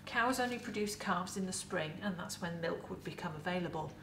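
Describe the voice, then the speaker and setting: A middle-aged woman with an English accent, a museum educator in costume, giving a lively, chatty talk to camera about food with props in an indoor set. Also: on the low side, a little fast, a little hiss or hum. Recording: roomy echo, voice from a distance.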